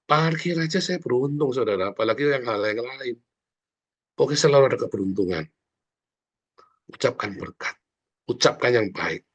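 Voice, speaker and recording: A man pastor giving an informal, animated morning sermon, often turning to the congregation directly. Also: medium pitch, moderate pace, pauses often, slightly rough, highs cut off. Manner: animated, informal preaching that often addresses listeners as brothers and sisters.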